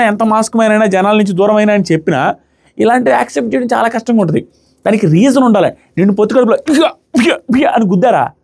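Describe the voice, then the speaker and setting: Man, sarcastic show review, quick talker, high-pitched. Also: creaky, darkish tone. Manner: sarcastic, acts out what people said. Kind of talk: casual commentary review.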